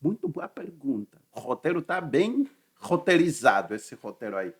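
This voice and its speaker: A man's voice: on the high side, big pitch swings, moderate pace, breathy edge. A man hosting a reaction video, speaking in casual commentary, chatty and repeating words as he reacts.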